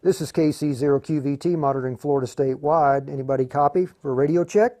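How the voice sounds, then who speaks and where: A man who talks fast, with a slightly high voice and a dark tone, hosts a casual, hands-on livestream tutorial as an amateur radio operator. He explains things informally in a stop-and-start way, thinking out loud.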